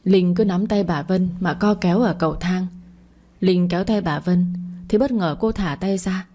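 A woman narrating a family drama story in a steady, unhurried reading voice. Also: on the low side.

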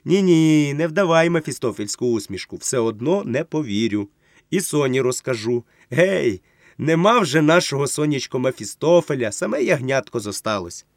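A man reading an audiobook, voicing an exuberant tipsy friend who is effusive, coaxing and given to loud calling out. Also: mid-range voice, big pitch swings, normal speed, no room sound, clean studio sound. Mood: teasing. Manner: gushing, coaxing, calls out loudly. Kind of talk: audiobook character voice.

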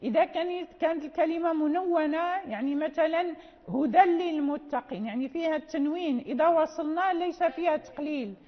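High-voiced woman teaching recitation, hall echo. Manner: explains slowly, repeats phrases, checking tags like "ha?". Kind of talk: lecture explaining recitation rules. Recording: dull lo-fi sound in a reverberant hall.

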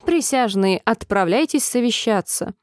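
A woman's voice: on the high side, lively intonation, unhurried, a little mellow, no room sound, clean studio sound. A woman doing a pompous musing old king. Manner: musing, self-satisfied. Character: pompous fussy old king presiding at a trial.

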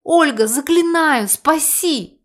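Lady reading as a cheeky young necromancer guy, loud and high, storybook style. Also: slow. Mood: pleading. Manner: laughing, pleading, raised voice. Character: young male necromancer, mocking, then whiny.

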